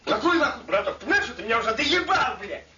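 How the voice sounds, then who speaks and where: A man's voice: extremely high pitch, sing-song, quick pace, distant mic, full character voice. A man playing a raging, swearing soldier. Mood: exasperated shouting. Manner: shouting, swearing constantly, mocking. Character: furious foul-mouthed male captive soldier. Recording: echoey lo-fi room from afar with faint noise.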